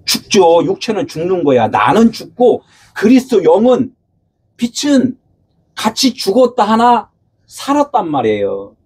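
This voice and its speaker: A pastor preaching a sermon, asking his listeners questions and answering them himself, at times raising his voice to a shout. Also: high voice, wildly swooping pitch, measured pace, a little hiss or hum. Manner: asks the congregation rhetorical questions and answers them.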